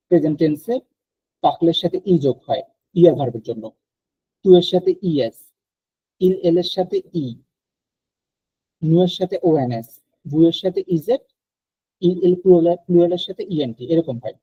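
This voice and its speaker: A man teaching an online French class, explaining slowly and repeating verb conjugations aloud. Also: a little high, breathy edge, no room sound, lo-fi sound.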